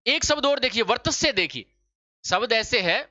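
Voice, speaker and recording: A male teacher drills a grammar lesson in a bright, forceful voice. He keeps asking questions and answering them himself, and he repeats each point before moving on. The sound is dry and a bit dull, as on a lo-fi recording. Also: very high-pitched, lively intonation, normal speed, no room sound. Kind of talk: exam-prep spelling lesson.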